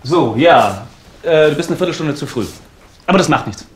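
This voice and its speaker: Male actor: frantic, impatient man, film drama, very animated pitch, some background noise. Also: normal speed, lightly acted. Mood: forced friendliness. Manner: agitated, pleading, impatient. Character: frantic, exasperated jobless man caught in a repeating time loop. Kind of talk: naturalistic short-film acting. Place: indoor living room.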